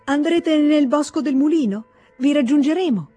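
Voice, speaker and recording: Woman doing a bubbly young wife, fond and excited, soft mellow tone. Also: a little high, slow, breathy edge, faint music behind, voice pushed up, full character voice. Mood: affectionate. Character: young married woman, lively and affectionate.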